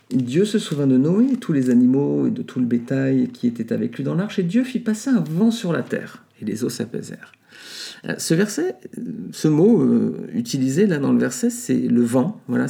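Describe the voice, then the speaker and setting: A man with a gravelly, mellow voice hosts a Bible podcast. He reads scripture aloud and then explains it in an unhurried teaching manner. He often pauses on fillers and adds small asides. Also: mid-range voice. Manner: unhurried, many hesitations and asides. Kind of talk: scripture reading and commentary.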